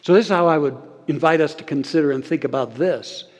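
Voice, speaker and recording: A man preaches in a large church sanctuary, his voice sitting a bit higher than most. He moves between strong, raised lines and soft, hushed ones, with dramatic pauses. A long reverb trails behind every phrase. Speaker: pastor. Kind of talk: sermon.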